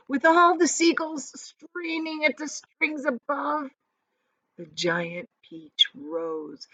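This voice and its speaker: Reading a children's story like a teacher, a woman narrates dramatically and pauses to explain words for young listeners. Her medium-pitched voice is a bit bright. The recording is slightly muffled, with no room sound.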